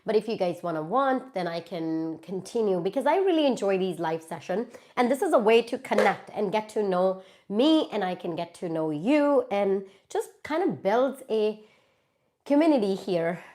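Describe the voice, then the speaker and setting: A YouTuber from India hosts a live Q&A from her phone, her mid-range, slightly mellow voice lively in intonation at a moderate pace. Congested from a cold, she chats casually, reading out viewer comments and answering them.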